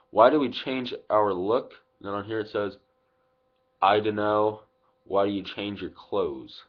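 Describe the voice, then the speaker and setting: A man in his twenties giving a casual, unscripted review with swearing, talking with a lip packed full of dip into a webcam mic. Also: on the low side. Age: 20s. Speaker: product reviewer vlogger. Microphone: webcam microphone at arm's length. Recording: dull lo-fi webcam audio.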